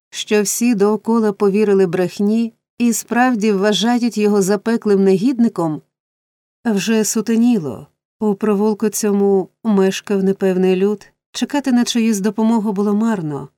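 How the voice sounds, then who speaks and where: A woman reading a classic novel aloud as audiobook narration, steady and expressive. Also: mid-range voice, no room sound.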